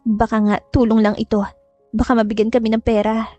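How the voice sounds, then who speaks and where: A shy twenty-year-old girl answers in a soft, hesitant, respectful voice, put on by a woman. The voice sits high and bright. The read is dry and close. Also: flat delivery, fairly quick, no room sound, lo-fi sound, soft background music, lightly acted. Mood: timid. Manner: polite, hesitant, soft-spoken. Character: timid, obedient 20-year-old village girl.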